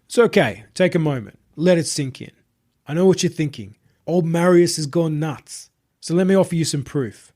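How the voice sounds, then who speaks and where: A male narrator voices a possessed online idol who believes he is a messiah, like a villain in an audio short story, his voice lifted high, husky and a little mellow. He preaches to his followers in a composed, soothing and grand manner, with lively intonation at normal speed.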